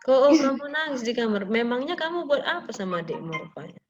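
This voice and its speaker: Higher-voiced woman teacher, lively questioning, muffled lo-fi call audio. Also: a little fast, crowd noise. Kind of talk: online class lesson.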